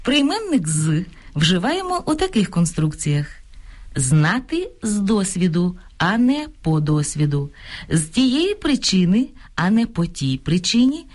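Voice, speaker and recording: A woman with a slightly low voice reads a scripted radio segment. Her intonation is animated as she runs through usage examples. The delivery is clear and instructive. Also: unhurried. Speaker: radio language program presenter. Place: radio studio.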